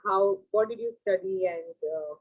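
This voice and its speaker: A woman's voice: medium pitch, moderate pace. A woman hosting a live talk, reading the guest's introduction and asking questions politely, stumbling now and then. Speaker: host. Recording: thin phone-like line.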